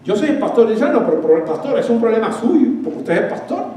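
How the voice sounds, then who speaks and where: A man's voice: sits high, big pitch swings, quick pace, dark tone, very echoey, far from the mic, low-quality recording. A man preaching a sermon as pastor of a church, asking the congregation questions as he goes.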